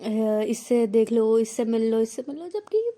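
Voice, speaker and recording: A woman's voice: on the high side, big pitch swings, unhurried, dark tone. A woman voicing a young female teacher who talks frankly and reasons things through while telling a story. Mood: firm. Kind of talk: storytelling role-play.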